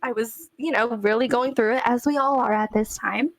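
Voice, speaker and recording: A young woman chatting on her podcast, spilling a story in a loose, animated way, full of "like" and asides. Her voice sits a little high, and the sound is close and dry with no room around it. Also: a little fast, no echo, poor audio. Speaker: podcast co-host. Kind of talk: casual chat.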